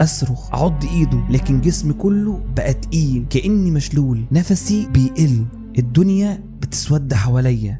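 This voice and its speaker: A man with an Egyptian accent tells a first-person horror story in a tense, scripted narration. His voice is very dark and mellow, the pace quick. Faint music runs underneath. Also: medium pitch. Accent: Egyptian Arabic.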